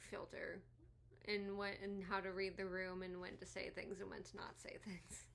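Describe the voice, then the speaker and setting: A woman hosting a movie commentary video gives casual, slangy reactions, animated and full of "like," her speech slightly altered by a retainer. Her medium-pitched voice has vocal fry and a moderate pace, with a little hiss or hum in the recording.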